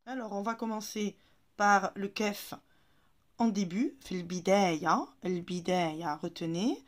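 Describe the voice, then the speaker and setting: Here the woman's mid-range voice keeps a steady tone at normal speed as she teaches Arabic reading to French speakers. She elongates syllables for the learners to repeat, remaining encouraging and patient throughout.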